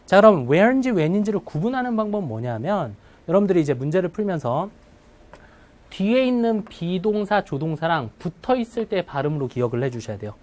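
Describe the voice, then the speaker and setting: A man's voice: sits high, sing-song, a little mellow. Male instructor lecturing to a class. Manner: checks in often with questions to the class; slows down sharply to model English phrases. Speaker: English test instructor. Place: classroom with live students.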